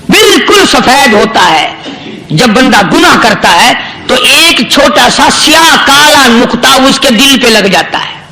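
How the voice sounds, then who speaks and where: A man's voice: extremely high pitch, bright, forceful tone, reverberant, slight background noise, low-quality recording. A man preaching a sermon, telling a story with rising, emphatic repetition.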